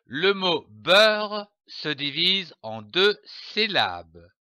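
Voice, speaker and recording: Very slow, bright-voiced man teaching reading. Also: sits high, sing-song, clear, resonant tone, no echo, clean studio sound. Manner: spells out letters and syllables deliberately. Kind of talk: scripted reading lesson.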